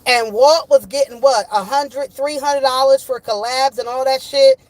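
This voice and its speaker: A woman's voice: sits high, fairly even intonation, moderate pace, dry recording, low-quality recording. A woman chatting casually on a livestream in a slangy, profane, gossipy way, often repeating her phrases for emphasis. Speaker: online streamer talking with live chat viewers.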